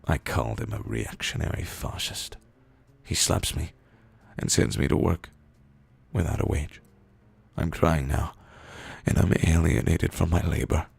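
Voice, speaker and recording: Expressive and a little mellow, a man narrates internet posts as short stories in a slow, low, dramatic reading full of drawn-out words and pauses. His voice is raspy and rumbly with gravelly fry, hoarse from days of screaming.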